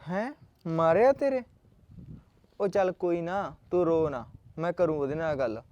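An actor playing a calm elder brother who reassures his upset sister and plays down the quarrel. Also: a little high, normal speed, muffled recording, natural voice. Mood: reassuring. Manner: reassuring, placating. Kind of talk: film drama dialogue.

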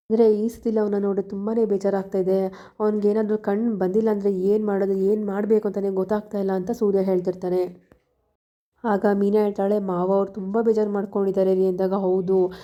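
Dark-voiced woman retelling a serial. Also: medium pitch, muffled recording. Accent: Kannada. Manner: plain storytelling, reads characters' lines without acting them. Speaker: serial recap narrator. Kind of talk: retelling a TV serial episode, voicing quoted lines.

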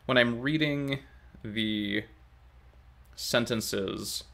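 Talking extremely slowly, a man in his thirties who vlogs about language learning chats casually to camera in his home's open kitchen and dining area. His mid-range voice is gravelly and sharp, and he meanders hesitantly, thinking out loud without a script.

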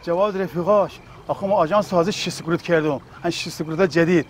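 A man's voice: a little high, a little hiss or hum, lightly acted. A man playing an aggrieved taxi office owner. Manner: aggrieved, complaining. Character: indignant taxi agency owner. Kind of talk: comedy series acting. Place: outdoors on a city street.

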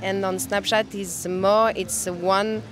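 A woman's voice: medium pitch, level tone, slow, noisy background. A woman in her twenties from Switzerland, a non-native English speaker, answering street-interview questions outdoors and searching for her words. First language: not English. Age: 20s. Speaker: interviewee, content creator.

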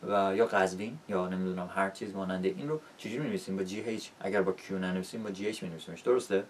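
A man with a lowish voice explains an English lesson in a relaxed, conversational teaching style. He checks in with his listeners using rhetorical questions. He sits a little back from the microphone, and there is a faint hiss underneath. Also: far from the mic.

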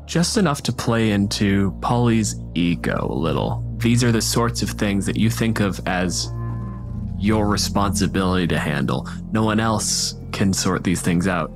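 Over music, a man with a lowish, expressive voice speaks at a measured pace. He is a game master and podcast host, narrating and posing questions in an improvised, conversational tabletop style.

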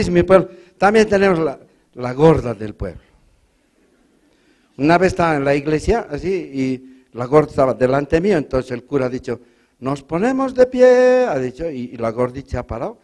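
A Bolivian stand-up comedian with a Bolivian Spanish accent tells folksy stories on stage, putting on a mock stutter and other funny voices for his characters. His voice is fairly high with a darkish tone.

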